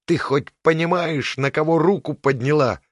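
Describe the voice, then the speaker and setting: A man's voice: on the high side, moderate pace, dry recording, clean studio sound, voice pushed up, lightly acted. A man voicing a venomous captive witch who leads a coven, hissing and mocking as she talks. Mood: spiteful. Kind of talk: audiobook character voice.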